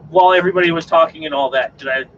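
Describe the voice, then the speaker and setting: Man, tabletop player, rambling casual chat, slightly high pitch, noisy lo-fi audio. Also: rapid-fire, a bit bright, distant mic. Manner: rambling, joking. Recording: dull lo-fi recording with clear background noise.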